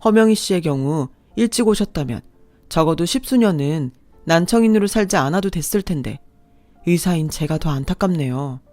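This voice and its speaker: A woman's voice: lowish voice, lively intonation, normal speed, darkish tone, no echo, faint music behind, close to an everyday voice. A woman voicing a sympathetic doctor who speaks in an earnest, regretful way.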